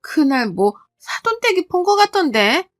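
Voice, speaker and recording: A woman's voice: high voice, very animated, moderate pace, dry recording, clean studio sound, faint music behind, pitched above the performer's own voice. A woman voicing an older mother-in-law who talks in a casual, matter-of-fact way. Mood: offhand.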